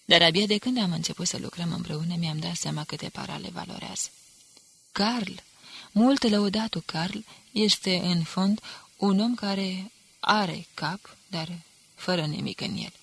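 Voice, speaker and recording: A woman's voice: fairly low pitch, creaky, fairly bright tone, breathy edge, exaggerated voice. A woman reading the part of a contemptuous, hard-drinking male enemy agent who speaks with cool disdain. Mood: scornful.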